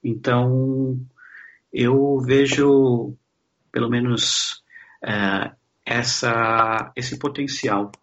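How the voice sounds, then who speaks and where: A man's voice: mid-range voice, little pitch movement, a bit bright, highs cut off. A man from Brazil, a social scientist guest, answering interview questions thoughtfully with frequent restarts. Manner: thoughtful, halting, many restarts.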